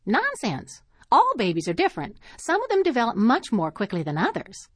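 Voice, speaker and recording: A woman's voice: fairly high pitch, huge pitch swings, moderate pace, husky, no echo, voice pushed up, exaggerated voice. A woman reading aloud and voicing a prim, gossipy older spinster with genteel, tartly dry manners.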